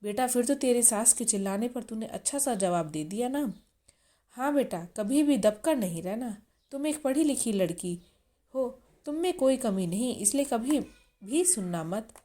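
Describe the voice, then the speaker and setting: A woman reading the lines of a protective, sharp-tongued middle-aged mother in a storybook, pushy and advising. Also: a little high, lively intonation, normal speed.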